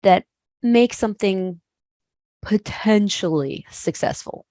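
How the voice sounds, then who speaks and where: A woman's voice: mid-range voice, animated, takes it slowly, warm tone, dry recording. A woman hosts a casual podcast interview in a mid-range voice. She is chatty and laughs easily, and her recording sounds close and dry, with no room around it. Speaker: podcast host.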